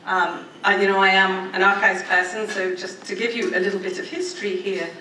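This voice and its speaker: At a department anniversary event, a middle-aged woman academic delivers a formal prepared speech with informal asides, measured in pace and stressing listed points. Her mid-range voice is flat yet pushed and bright. She speaks into a gooseneck podium mic in a medium-sized lecture room with an audience, and the recording is roomy and distant with faint background noise.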